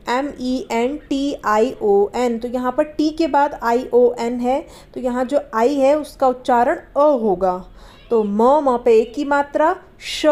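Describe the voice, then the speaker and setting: A woman leads a slow, step-by-step lesson, spelling out each word letter by letter. She keeps asking checking questions and answering them herself. Her voice sits a little high and her pace is unhurried. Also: darkish tone. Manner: spells words out letter by letter, slowly. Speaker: English teacher.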